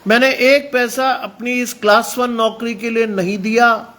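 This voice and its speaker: High-voiced preacher, emphatic. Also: male voice, fairly even intonation, a little slow, bright, forceful tone. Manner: mixes English phrases into emphatic preaching. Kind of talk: sermon.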